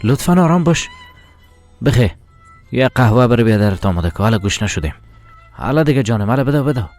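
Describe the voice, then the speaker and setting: A man with a Tajik accent voicing a hurried young adult son in a dubbed TV drama, brisk and coaxing. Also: mid-range voice, lively intonation, a little mellow, soft background music, close to an everyday voice.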